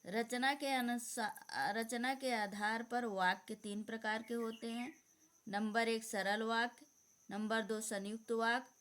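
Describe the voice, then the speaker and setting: Slow, measured woman teaching grammar. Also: fairly high pitch, steady tone, fairly bright tone. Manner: dictating slowly, repeating definitions. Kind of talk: slow exam-prep grammar lesson.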